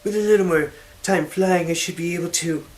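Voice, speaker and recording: An exasperated, weary young woman from a fantasy audiobook, acted out by a man. The voice is pitched up and delivered with hammy stage theatrics. Music plays behind it. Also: fairly quick, slight background noise, natural voice. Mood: strained, insistent. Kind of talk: dramatic audiobook reading of a fantasy novel.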